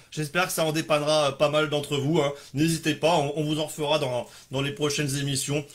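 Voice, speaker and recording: A man hosting a casual live stream, joking, rambling and swearing offhandedly as he reads out viewers' answers. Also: mid-range voice.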